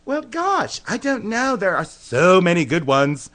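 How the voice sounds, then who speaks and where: A man's voice: sits high, sing-song, unhurried, fairly bright tone, exaggerated voice. A man playing a flamboyant, flirtatious male dance instructor who gushes giddily, in a comedy radio sketch. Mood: giddy. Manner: gushing, giddy and flirtatious.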